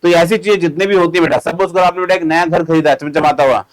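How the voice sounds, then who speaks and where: A man's voice: on the high side, fairly even intonation, fast talker, poor audio. Man teaching with repetition and self-questions. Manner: repeats key points, asks and answers his own questions; acts out student questions himself. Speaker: accountancy teacher. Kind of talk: classroom lecture.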